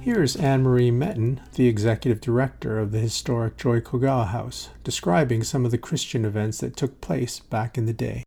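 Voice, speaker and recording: A man hosting a documentary, reading scripted narration in a measured way and introducing each guest. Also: mid-range voice, vocal fry, mellow, soft background music. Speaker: documentary host.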